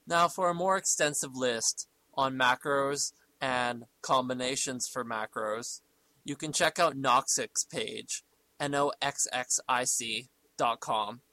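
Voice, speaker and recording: A man's voice: mid-range voice, bright, forceful tone, no echo, low-quality recording. A man narrating a scripted segment of gaming tips as its presenter.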